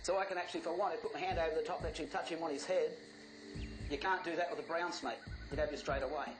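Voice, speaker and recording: A man's voice: on the high side, steady tone, fast, over music, rough recording. A man with an Australian accent presenting wildlife informally to camera, in a colloquial showman's manner. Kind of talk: informal presenting to camera while handling snakes.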